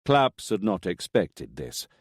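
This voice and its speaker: Expressive low-voiced male narrator. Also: slow pace, slightly rough, no room sound, studio quality. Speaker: audiobook narrator. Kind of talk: scripted narration.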